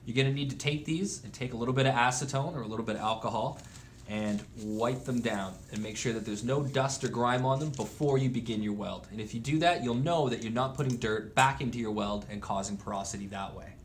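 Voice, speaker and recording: Relaxed man explaining welding faults. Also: mid-range voice, a little fast, slight background noise. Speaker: welding instructor. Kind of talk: instructional demonstration. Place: welding workshop.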